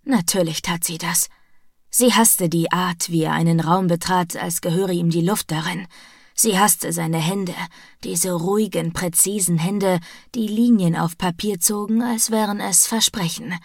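A woman narrating a romance audiobook in a slow, deliberate, at times hushed manner. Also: lowish voice, fairly even intonation, creaky, dry recording, studio quality.

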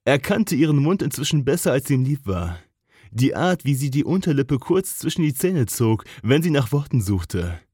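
Romance audiobook narrator: expressive, slightly husky, very dry close recording. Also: mid-range voice, dry recording. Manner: emotive, lingering pauses.

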